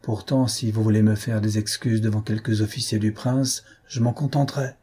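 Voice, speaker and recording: Man playing a grim proud swordsman, slow and solemn, dark husky voice. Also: lowish voice, fairly even intonation. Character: grave proud male swordsman, solemn and wounded.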